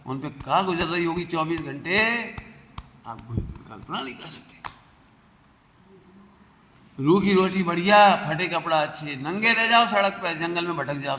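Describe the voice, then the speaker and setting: High, bright-voiced male preacher. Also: slight background noise. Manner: animated storytelling with rhetorical questions. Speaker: Jain religious teacher. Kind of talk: sermon. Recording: echoey hall with long reverb.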